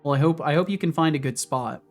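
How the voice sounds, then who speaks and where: A slightly high-voiced man in his thirties talks fast as he streams from his home office, coding and chatting casually with his audience. The game developer keeps it relaxed, weaving remarks to chat between coding asides over faint background music.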